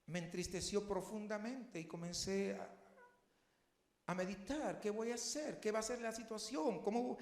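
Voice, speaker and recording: A man's voice: sits high, echoey room. A man preaching a heartfelt, personal sermon that builds to emphatic questions. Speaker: pastor.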